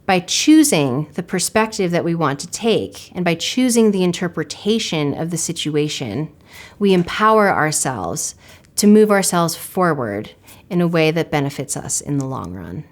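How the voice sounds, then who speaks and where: A woman with a fairly low voice teaches climbers in an instructional course. Her pitch rises and falls freely as she explains, calm and encouraging in manner. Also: normal speed. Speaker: climbing coach.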